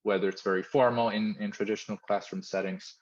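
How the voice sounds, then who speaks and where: Low-voiced man on a muffled call. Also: fairly even intonation, brisk. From Mozambique. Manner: thoughtful, explanatory, with frequent fillers. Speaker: company founder, interview guest. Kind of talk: video call interview. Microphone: video call.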